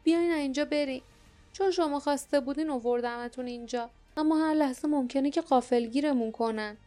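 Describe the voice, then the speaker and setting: A woman voicing an anxious young kitchen worker who speaks in a low, fearful hush. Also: faint music behind, natural voice. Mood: frightened.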